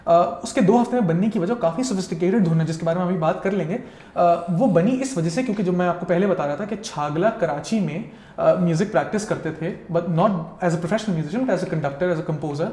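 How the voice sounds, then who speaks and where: With a roomy echo on the recording, a male guest critic explains things conversationally and at length, switching into English partway through sentences. He speaks a little fast in a high-pitched, dark-toned voice.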